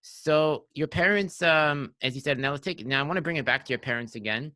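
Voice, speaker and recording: A podcast host of around thirty, speaking in a fairly high, bright and forceful voice at a brisk clip, meanders through casual interview questions full of "like"s and restarts. The recording is close and dry, with no room echo.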